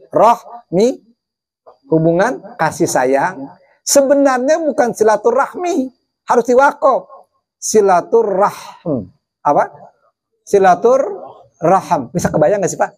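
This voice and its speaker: A man giving a Sunday morning religious lecture, asking his audience questions and answering them himself, drawing out words to show how they are said. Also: high-pitched. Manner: stretches words to show pronunciation. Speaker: preacher.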